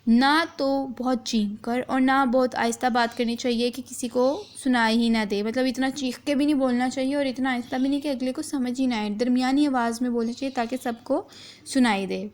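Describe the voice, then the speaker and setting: A woman teaching a children's class, reading a text slowly and then explaining it again in simple, repeated words, with English words mixed in. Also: high voice, fairly even intonation. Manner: reads a passage, then re-explains it simply with repetition; slow, deliberate pace for children. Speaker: school teacher.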